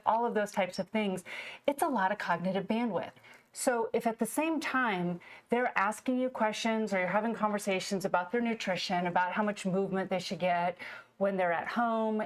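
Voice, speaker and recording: A woman co-hosting a fitness podcast, explaining ideas with enthusiasm and sometimes voicing a client's point of view. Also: mid-range voice. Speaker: podcast co-host, behaviorist. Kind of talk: casual podcast discussion.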